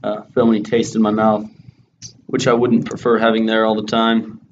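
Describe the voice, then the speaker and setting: A man's voice: fairly low pitch, completely flat delivery, moderate pace. A man co-hosting a casual review, making dry, crude jokes while talking with a lip full of chewing tobacco. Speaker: co-host reviewing dipping tobacco. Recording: dull lo-fi audio with faint background noise.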